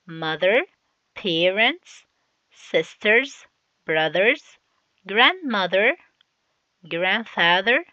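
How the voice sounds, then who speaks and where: A woman with an Egyptian Arabic accent teaches young children English, drawing out English words slowly and coaxing them along. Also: medium pitch, pushed and bright, no echo, muffled recording. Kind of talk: children's lesson, explaining a textbook.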